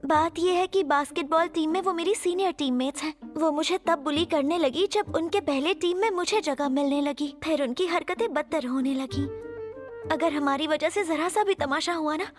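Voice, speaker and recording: Brief: a woman doing a very high-pitched, hesitant, bullied teen girl for an anime dub. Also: moderate pace, faint music behind, natural voice. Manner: hesitant, pleading. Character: timid bullied teenage girl athlete.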